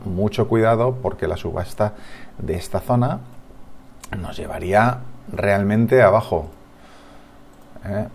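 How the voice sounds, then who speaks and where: A man's voice: fairly low pitch, darkish tone. A man with a Spanish accent from Spain, giving a market analysis over charts as a trading analyst, thinking aloud with frequent restarts and tag questions.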